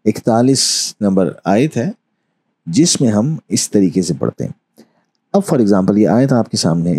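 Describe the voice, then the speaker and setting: A man teaching a course on Quran recitation, explaining patiently and reciting verses slowly. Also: fairly low pitch, warm tone, slightly rough. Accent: Urdu-speaking Pakistani. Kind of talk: online lesson.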